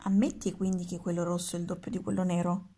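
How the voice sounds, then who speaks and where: A woman's voice: fairly low pitch, flat delivery, fast talker, warm tone, husky. A woman voicing an impatient old male wizard of numbers in a storybook, by turns coaxing and triumphant.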